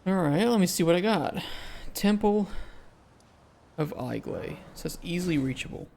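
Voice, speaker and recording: A man with a raspy voice giving casual gameplay commentary and chatting with viewers as he searches, muttering and swearing now and then. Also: high-pitched, animated, fast talker, darkish tone, slight background noise. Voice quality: raspy, gravelly. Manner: mutters and swears while searching, rambling chat. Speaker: game streamer and indie developer.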